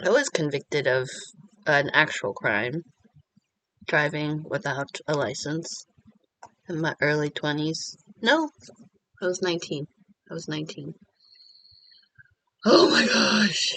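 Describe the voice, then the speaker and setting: Speaking from home in a confessional-style vlog, a Korean American woman rambles candidly and pokes fun at herself. Her voice is low and a bit bright, but the audio quality is poor.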